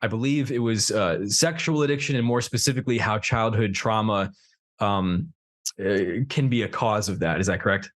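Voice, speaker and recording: A man's voice: on the low side, moderate pace. A young man hosting a podcast, conversational and thoughtful, with plenty of fillers as he talks. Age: young adult. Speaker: podcast host. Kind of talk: casual podcast interview.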